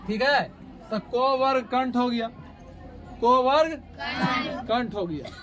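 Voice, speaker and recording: A man's voice: very high-pitched, expressive, takes it slowly, music in the background, a crowd in the background. A man teaching a grammar lesson to a class, asking the students questions and answering them himself, and drawing out letters as he sounds them. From India.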